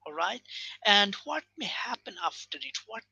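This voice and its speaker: Male lecturer from Bangladesh, earnest explainer, lively melodic delivery. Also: sits high, moderate pace, creaky, breathy edge, no echo, lo-fi sound. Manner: earnest, explanatory, checks in with listeners. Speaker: English teaching lecturer. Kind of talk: video lecture.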